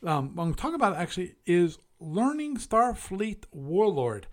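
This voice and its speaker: A man's voice: high voice, very animated, normal speed. A man hosting a casual solo show, musing aloud and correcting himself as he reviews and chats. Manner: musing, self-correcting, chatty. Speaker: podcast host.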